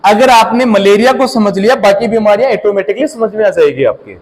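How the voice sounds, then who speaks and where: A high-pitched man speaks fairly quickly with lively intonation, heard on a rough recording. He's giving a classroom lecture for competition exam students, quizzing them and getting them to say key terms back in repeated call-and-response.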